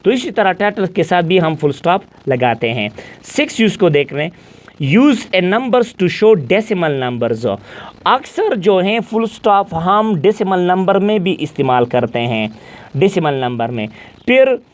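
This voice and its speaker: Man, fairly high voice, classroom lecture, repeats points, slow careful example sentences. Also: very animated. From Pakistan. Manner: explains in Urdu-mixed Hindi, reads English examples slowly, adds "theek hai". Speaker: English teacher.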